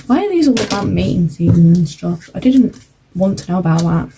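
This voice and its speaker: A woman's voice: on the low side, expressive, a little fast, background noise. A young woman chatting casually while crafting for a vlog, rambling with lots of fillers. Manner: rambling, self-interrupting, uses "like" and "um" a lot. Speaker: craft vlogger.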